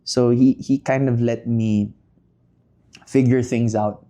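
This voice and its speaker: A Filipino man in his thirties, a podcast guest speaking casually and in measured phrases with frequent pauses, mixing Tagalog into English. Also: medium pitch, fairly even intonation, dark tone. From Philippines. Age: 30s. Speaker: podcast guest, business leader. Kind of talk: casual interview talk.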